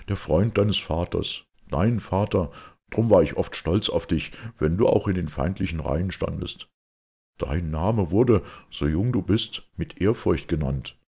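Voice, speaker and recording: A man voicing a warm, fatherly veteran commander in an audiobook. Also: deep voice, vocal fry, slightly rough, pitched above the performer's own voice, exaggerated voice.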